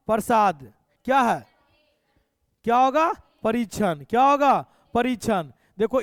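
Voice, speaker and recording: A man runs an exam revision lesson, firing each question again and again until the answer is repeated. His voice sits very high and rings smooth and clear. The sound is close and dry, with no room behind it. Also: dry recording. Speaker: coaching teacher.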